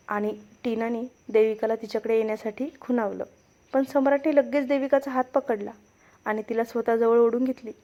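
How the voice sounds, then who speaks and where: A woman reads her own romance story aloud with dramatic expression. Her voice sits slightly high. The recording is dull and lo-fi. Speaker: story reader and writer.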